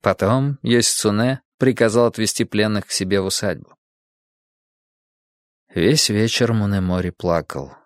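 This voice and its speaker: A man narrating a history audiobook in a measured, dramatic storytelling manner. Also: on the low side, dry recording, studio quality.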